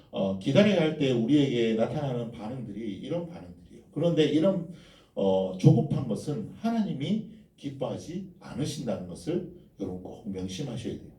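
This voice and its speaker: Guy preaching, tells stories to the congregation, voice swings all over, dark mellow tone. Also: medium pitch, far from the mic. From Gyeongsang, South Korea. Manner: storytelling, addressing the congregation. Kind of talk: sermon. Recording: echoey church hall from afar.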